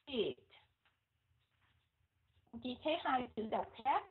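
Slow-speaking woman teacher, Vietnamese accent. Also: a little high, animated, breathy edge. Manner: repeats words slowly, mixing English and Vietnamese. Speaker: English pronunciation teacher. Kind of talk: pronunciation lesson, modeling words slowly. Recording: muffled, phone-like lo-fi audio.

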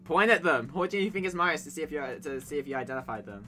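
A boisterous, excitable gamer leading friends in casual, joking game chat. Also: medium pitch, very fast. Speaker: player leading a group game. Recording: music behind the voice.

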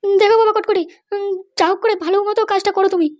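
Fretful cartoon mother, high-pitched and rapid, a woman voicing her. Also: steady tone, darkish tone, no echo. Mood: worried. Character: anxious, pleading middle-aged mother of a groom. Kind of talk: cartoon voice acting.

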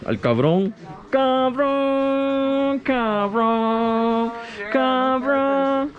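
Holding an action camera at arm's length, a young man from Latin America enthusiastically shows his friends-the-viewers a cable car ride and a mountain-top terrace, both inside and outside. His voice comes across very high-pitched and very slow, the sound is lo-fi, and music runs under his speech.

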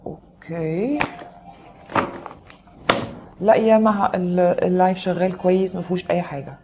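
A woman's voice: on the low side, moderate pace, background noise. A woman with an Egyptian Arabic accent giving a tarot reading on a live stream, chatting with viewers and greeting them by name. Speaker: tarot reader.

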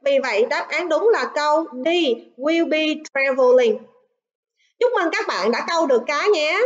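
A woman with a Vietnamese accent, an English teacher in a recorded online lesson, reading quiz items slowly and carefully. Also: high voice, expressive, dull audio.

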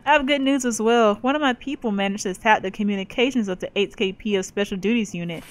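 A woman's voice: mid-range voice, rough recording. Woman reading a game aloud. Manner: reads all game text and characters in her own voice, with playful asides. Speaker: gaming YouTuber reading game dialogue aloud. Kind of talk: let's play commentary and reading.

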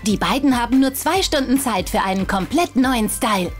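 Woman doing show voice-over, a bit high, even read, faint music behind. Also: moderate pace. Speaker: narrator. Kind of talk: scripted voice-over narration.

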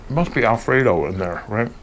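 A man's voice: on the low side, expressive, moderate pace, a little hiss or hum. A man casually reviewing food on a home vlog, rambling and chatty as he eats, speaking with his mouth partly full. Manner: chatty, rambling, talks while eating.

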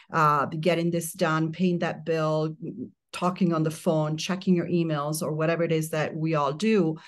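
A middle-aged woman from Italy, a guest in an interview, talking calmly and reflectively in long flowing phrases over a remote connection. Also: deep voice. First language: Italian. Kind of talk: casual interview chat. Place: remote mountain home, remote interview.

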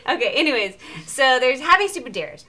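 A woman's voice: high voice, sing-song, a little fast, very noisy. Chatty woman telling a campy scary story. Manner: chatty, lots of "like" and "right?", acts out voices. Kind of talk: casual comedic storytelling.

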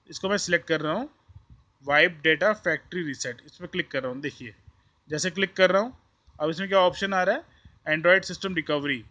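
Bright and forceful, his voice sits a little high. An Indian-accented tech tutorial host, he talks through an informal hands-on tutorial in a mix of Hindi and English, explaining each step and going over points again.

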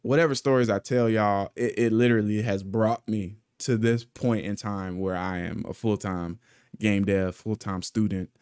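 A young man hosting his own channel tells a story into a pop-filtered studio mic on an arm, in a small home studio lined with foam panels. He's laid-back, profane and rambling, often restarting, with a lowish, darkish, clear and resonant voice. His intonation is fairly even, his speed normal, and the recording dry.

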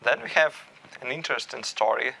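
A man in his thirties giving a technical talk at a meetup, measured and thinking aloud with small restarts. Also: mid-range voice, gravelly, sharp tone, breathy edge, low-quality recording. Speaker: meetup speaker. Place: small room with stage curtains.

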